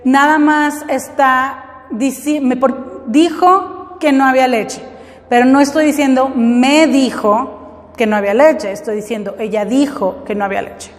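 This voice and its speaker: A woman's voice: sits high, unhurried, long reverb tail. A woman teaching English, explaining step by step and often checking that her students follow. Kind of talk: classroom lesson.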